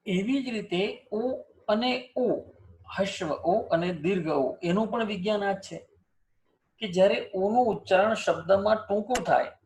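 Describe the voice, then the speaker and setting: A man's voice: high voice, a little slow, darkish tone. A man teaching a spelling lesson, asking students questions and repeating example words to drill pronunciation. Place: teaching setup with screen and cursor.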